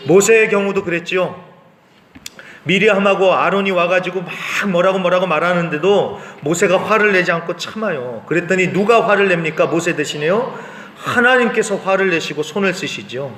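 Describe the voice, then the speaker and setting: A man preaches a sermon from the pulpit, his fairly high voice rising and falling with lively swings as he poses rhetorical questions and answers them himself. The sound hangs in a church sanctuary, with a long reverb trailing after each phrase. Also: a little hiss or hum. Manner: conversational preaching with frequent rhetorical questions and affirming "yes". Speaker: pastor. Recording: echoey church hall reverb.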